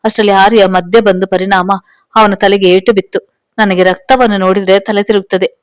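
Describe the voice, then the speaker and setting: A woman storyteller reads a family drama in a steady, plain way. Her pitch is middle and her voice is dry and close. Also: normal speed, no echo. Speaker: story narrator. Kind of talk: storybook narration.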